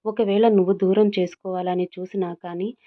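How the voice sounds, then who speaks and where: A woman voicing a gentle young woman who comforts and reassures her best friend. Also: mid-range voice, fairly even intonation, moderate pace, close to an everyday voice. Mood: soothing. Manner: soothing and coaxing. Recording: tinny phone-like audio.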